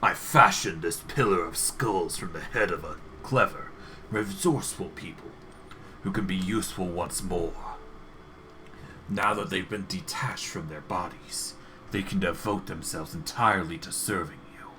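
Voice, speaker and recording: An ancient undead lich played by a man, lording it over a student in a fantasy game. The voice is low and deliberate, grandiose and commanding, with a malicious, self-satisfied temper. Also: noisy background. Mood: gleeful, proud. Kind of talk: fantasy game role-play.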